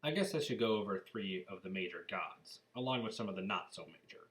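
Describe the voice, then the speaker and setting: Low-pitched man telling myths. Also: expressive, brisk, fairly bright tone. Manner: storytelling, explanatory. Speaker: narrator explaining mythology. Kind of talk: informal educational narration of myths.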